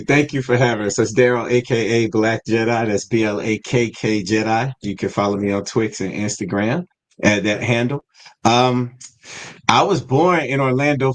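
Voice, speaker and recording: A man's voice: medium pitch, normal speed. A middle-aged man tells his story in a friendly, grateful tone. His voice sits in a medium range, and he talks like a podcast co-host. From Atlanta, USA. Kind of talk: casual chat.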